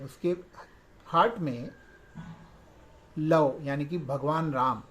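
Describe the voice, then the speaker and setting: An earnest man talks through how families should speak to each other, explaining patiently and slipping English words in as he goes. His voice sits a little on the higher side. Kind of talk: reflective talk on family communication.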